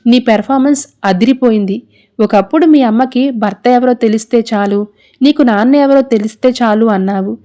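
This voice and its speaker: A woman's voice: a little high, normal speed, warm tone, natural voice. A woman reading the lines of a scheming young female rival in a serial recap, in a sarcastic, accusing manner. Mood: taunting.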